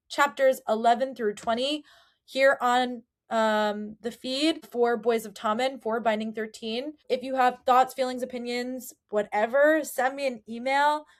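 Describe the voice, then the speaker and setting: A woman hosting a casual book-discussion podcast, chatty and animated, with fillers. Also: fairly high pitch. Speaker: podcast host.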